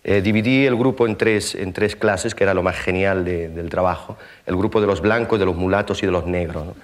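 A man with a somewhat low voice tells a long comic story from a theater stage. He talks to the audience in a loose, conversational way, often tagging his sentences with questions. He breaks into mouth sound effects as he goes. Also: fairly quick. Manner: conversational, with frequent tag questions. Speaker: stand-up comedian.

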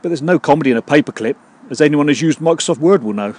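A man hosting his own podcast, delivering a scripted comedy monologue in a dry, deadpan way full of puns. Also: fairly high pitch, very fast, breathy edge. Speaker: podcast host.

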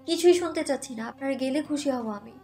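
A woman's voice: sits high, fairly quick, warm tone, faint music behind, voice pushed up, natural voice. A woman voicing a hurt, defiant young wife who answers her father coldly and firmly. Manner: cold, firm, curt.

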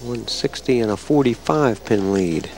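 A man's voice: mid-range voice, moderate pace, a little mellow. A man giving bowling color commentary in a chatty way, working out scores aloud.

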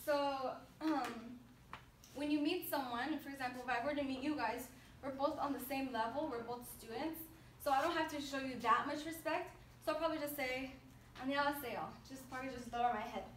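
A young woman student gives a class speech in a casual, rambling way, full of "like" and "um". Her voice is high, and the camera picks her up from a distance. The classroom adds echo, with faint room sound behind her. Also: fairly quick, a little hiss or hum. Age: young adult. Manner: casual, filler-heavy, many "like" and "um". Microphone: far camera.

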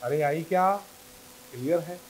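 A man with a North Indian Hindi accent teaches a grammar lesson, and his voice sits high for a man. He speaks slowly and repeats key words again and again. He keeps asking the class questions and often answers them himself. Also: slight background noise, poor audio.

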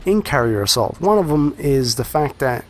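Man, gaming host, casual review commentary, talks to viewers, mid pitch, faint background hum. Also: very animated, moderate pace. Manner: chatty, addresses viewers directly; earnest, repeats phrases for emphasis.

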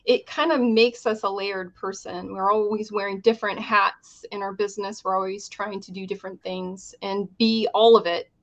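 A woman's voice: medium pitch, fairly even intonation, moderate pace, hardly any pauses, muffled recording. A woman from Texas hosting a casual interview over a video call in an upbeat, friendly way. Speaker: host. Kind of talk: casual chat.

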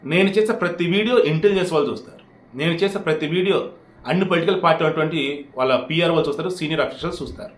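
Racing along in a voice on the high side, a man from India berates his audience with fiery political commentary aimed right at the camera. Rhetorical questions come one after another, and the room adds a roomy echo.

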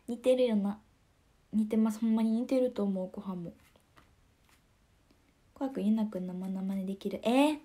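A young woman with a Kansai accent, hosting a casual livestream. She chats about viewer comments in a giggly, soft-spoken way and often drops to a near whisper. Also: on the high side. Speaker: idol livestream host.

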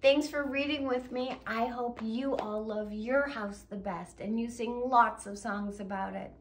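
A woman's voice: a little high, steady tone, a little slow, slight background noise. A woman reading a children's picture book aloud, with playful sound effects. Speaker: children's storyteller.

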